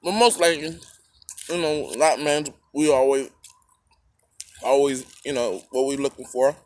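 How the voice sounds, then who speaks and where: A man telling a rambling personal story to camera, halting with fillers and restarts, eating while he talks. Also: medium pitch, fairly even intonation.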